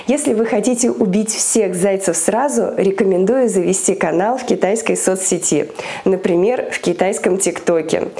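A warm, mid-range female voice belongs to a Chinese language teacher in her thirties who founded her own school. She delivers an upbeat, scripted video lesson to camera from a small room, wearing a lapel mic. Gesturing with her hands, she moves through her points in a clear, list-like way.

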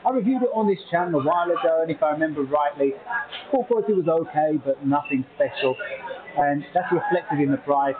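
A man's voice: on the high side, narrow, tinny audio. A man who reviews tech gear, talking casually and thinking aloud as he is heard through a bluetooth earbud mic on a call. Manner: chatty, thinking aloud, with small laughs. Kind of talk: casual product review talk. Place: busy coffee shop, indoors.

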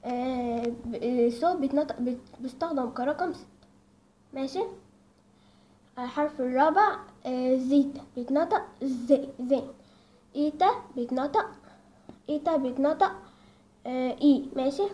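A woman with an Egyptian accent gives an informal lesson, hesitating often and filling pauses while she speaks to viewers as friends. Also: sits high, warm tone. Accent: Egyptian Arabic. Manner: hesitant, with many fillers, addresses viewers as friends. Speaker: church lesson presenter. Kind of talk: informal teaching. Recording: dull lo-fi recording.

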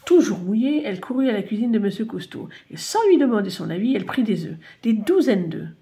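A woman reading a children's storybook aloud, animated and playful. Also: medium pitch, fairly quick.

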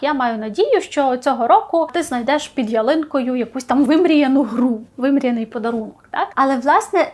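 A woman with a high voice teaches an online language lesson. She explains each word, gives an example sentence with its translation, and keeps checking in with a quick questioning "tak?". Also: a little mellow.

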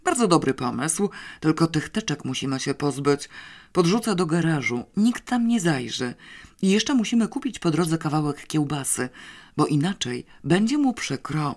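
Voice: mid-range voice, sing-song, moderate pace. An audiobook reader voicing a bossy, clever schoolgirl who is confident, scheming and a little scornful, in a somewhat raised voice.

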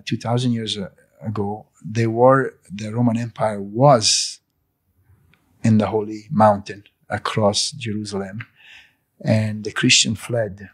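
In his living room, a man in his sixties who owns a cafe speaks into a fluffy handheld interview mic, English not being his first language. His low, slightly rough voice carries an impassioned monologue that is emphatic and preachy, his hands gesturing throughout.

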